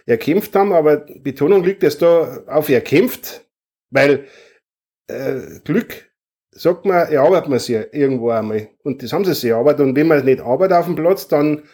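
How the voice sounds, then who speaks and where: A man's voice: fairly high pitch, normal speed, mellow. A man, a stadium announcer invited as a guest, talking casually with many fillers and restarts. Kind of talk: casual chat.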